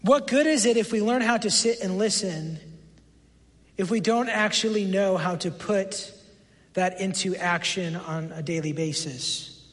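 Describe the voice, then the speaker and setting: A man in his thirties preaching a sermon, telling a story with animated delivery and briefly acting out the voices in it. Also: sits high, measured pace, in a large hall. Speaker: pastor.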